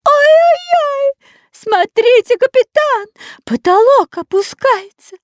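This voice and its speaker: A woman's voice: fairly high pitch, very animated, normal speed, no room sound, clean studio sound, pitched above the performer's own voice. A woman voicing a cowardly, long-nosed male spy in an audiobook, who stutters and whimpers with fear. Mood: panicked. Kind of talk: audiobook character voice.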